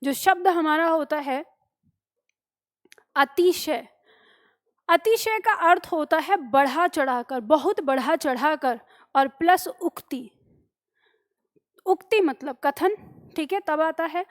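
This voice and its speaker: Lady teacher, high voice, explains each step, asks questions and answers them herself. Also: slow, long pauses. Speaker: Hindi teacher. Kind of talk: exam-prep lesson.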